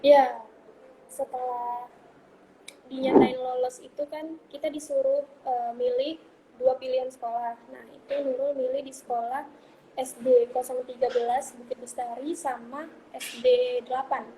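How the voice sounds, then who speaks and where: A woman's voice: high-pitched, level tone, measured pace, warm tone. A young woman in her twenties answering interview questions over a phone call, rambling and searching for words with many fillers. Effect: heard over a phone or online call. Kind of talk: casual interview. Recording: phone-like line with faint noise.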